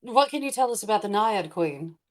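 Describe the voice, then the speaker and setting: A woman player talking casually during a tabletop game, with a middling pitch. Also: animated, a little fast, over a noisy crowd.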